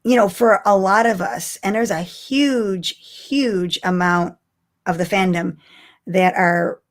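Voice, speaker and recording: A woman with a mid-range voice talks slowly as a podcast co-host. In a casual fan discussion, she thinks out loud in a conversational yet emphatic manner.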